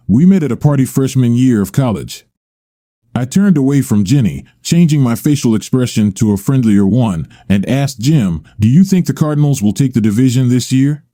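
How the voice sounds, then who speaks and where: A man narrating a first-person story and reading every character's lines in much the same even voice. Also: mid-range voice, no room sound, studio quality.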